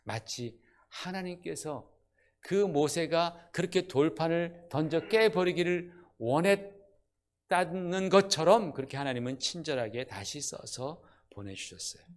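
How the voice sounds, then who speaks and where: Male pastor, slightly high voice, animated sermon delivery with questions to the congregation, church setting. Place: church sanctuary.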